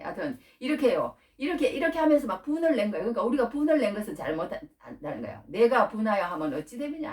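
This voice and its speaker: A woman preaching a Bible-teaching sermon, animated and full of rhetorical questions, acting out quoted prayers. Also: a little high, recorded from a distance. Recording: echoey room, voice from off-mic.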